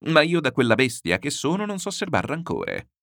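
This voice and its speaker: A blustering, shouting landowner voiced by a man rambles through his boasts. His voice leaps and swings widely. It is a storybook reading in a dry, close recording. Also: on the high side, wildly swooping pitch, moderate pace, vocal fry, no echo, pitched above the performer's own voice, heavily acted. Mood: boisterous.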